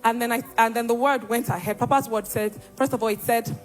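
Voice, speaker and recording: A woman's voice: a little high, steady tone, brisk, soft background music. A young woman giving an emphatic church testimony and acting out the dialogue as she tells her story.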